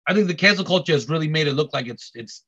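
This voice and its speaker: A man chatting casually on a podcast, halting with many restarts and repeated words. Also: fairly high pitch, animated, a bit bright, slightly rough. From Korean heritage. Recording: dull lo-fi audio.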